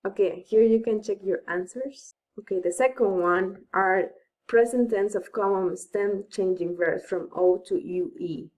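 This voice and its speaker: A woman gives a recorded lecture over slides, explaining each step patiently and going back over key points. She pronounces the example verb forms slowly, leaning on the stressed syllables. Her voice sits at a middle pitch. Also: darkish tone, poor audio. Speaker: Spanish teacher.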